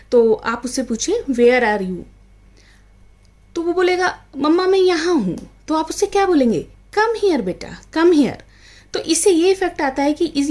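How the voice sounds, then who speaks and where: A parenting tutor with a high, slightly mellow voice teaches English phrases to parents in a casual home lesson. She blends Hindi and English, treats viewers as friends, and acts out a mother calling her child.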